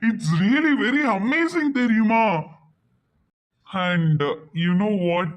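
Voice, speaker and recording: A man's voice: sits high, sing-song, drawn-out words, heavily acted. A man voicing a rich, lonely cartoon man who talks in a chatty, coaxing way and slips English phrases into his speech. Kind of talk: animated cartoon dubbing.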